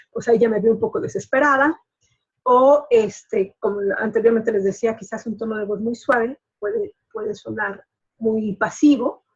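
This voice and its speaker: A woman's voice: fairly high pitch, a little mellow, breathy edge. A woman, a coach hosting a show, explaining in a chatty way with many fillers. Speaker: life coach and show host. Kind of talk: casual explanatory talk. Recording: dull lo-fi recording.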